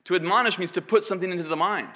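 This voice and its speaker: A man's voice: sits high, racing, sharp tone. A man preaching an expository sermon to a congregation, emphatic and given to self-deprecating asides. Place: church hall with an audience. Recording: long hall reverb.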